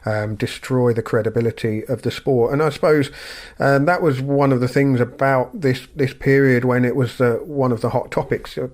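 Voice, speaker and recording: A man co-hosting a podcast in casual chat, thinking aloud with plenty of ums and rhetorical questions. His voice sits at an ordinary middle pitch. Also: fairly even intonation, normal speed. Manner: conversational, musing with fillers. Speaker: podcast co-host.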